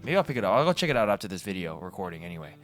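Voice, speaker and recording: Over background guitar music, a Canadian man hosts a casual, rambling video commentary, drifting off topic and often correcting himself along the way. His low voice is sing-song and very fast.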